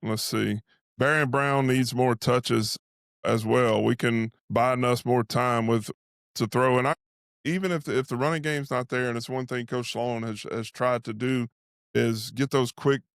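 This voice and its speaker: A man's voice: medium pitch, fairly even intonation, a little slow, dry recording, clean studio sound. A man giving casual halftime football commentary as a host who talks like an invested fan of the team. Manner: speaks as an invested fan, saying "we". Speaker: sports show host and analyst.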